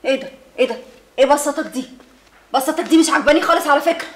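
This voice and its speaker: Woman doing a snappy egyptian wife, super high and fast, echoey, big music. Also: lightly acted. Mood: uneasy. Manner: quick, defiant retorts. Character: defiant young second wife, sharp-tongued. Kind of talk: TV drama acting. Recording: roomy TV drama with loud score.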